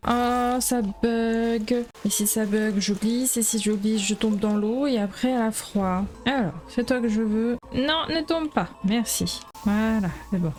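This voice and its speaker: A woman's voice: medium pitch, warm tone. Chatty French woman playing a game. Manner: chatty, exclaiming at the game, fillers. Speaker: let's play host. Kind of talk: casual gameplay commentary.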